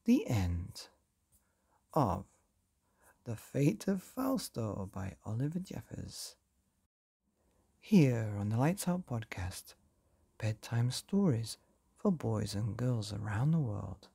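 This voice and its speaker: A man reading a bedtime story aloud as a podcast host, in a slow, gentle storyteller manner. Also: mid-range voice, big pitch swings, gravelly, slightly rough.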